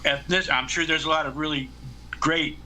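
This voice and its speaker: A man's voice: on the high side, steady tone, moderate pace, sharp tone, a little hiss or hum, rough recording. A man in his seventies chatting casually about politics, rambling and blunt, swearing freely. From United States. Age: 70s.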